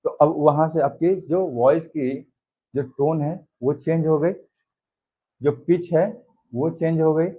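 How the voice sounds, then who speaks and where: A male teacher giving a slow, unhurried classroom lecture, using rises and falls in his voice to show his points. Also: dark tone, slight background noise, rough recording. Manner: slow, unhurried explaining with demonstrative pitch changes. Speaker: commerce teacher.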